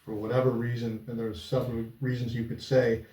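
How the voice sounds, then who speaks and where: A man in casual conversation, talking in a halting way and repeating the starts of his phrases. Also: medium pitch, little pitch movement, mellow. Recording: muffled, echoey, far from mic.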